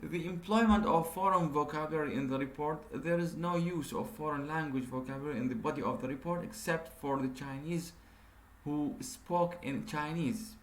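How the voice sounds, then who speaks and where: A male university lecturer from Iraq, giving a recorded lecture, reading slowly in English and then explaining at length. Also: fairly high pitch. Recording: echoey room with faint noise.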